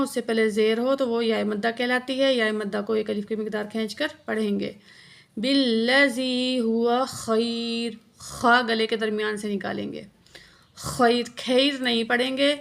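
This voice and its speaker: A woman teaching Quran recitation word by word, explaining each letter patiently and reciting slowly. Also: on the high side, vocal fry. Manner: slow drawn-out recitation of verses. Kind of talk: word-by-word tajweed lesson with slow recitation.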